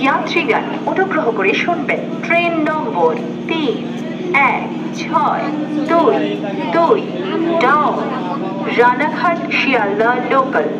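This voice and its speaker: High woman's voice on a station loudspeaker. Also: expressive, muffled recording. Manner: slow, evenly spaced, pieced-together words. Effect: station loudspeaker announcement. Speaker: railway station announcer. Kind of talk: automated train announcement. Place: railway platform, outdoors. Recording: echoey loudspeaker over train noise. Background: trains and station ambience.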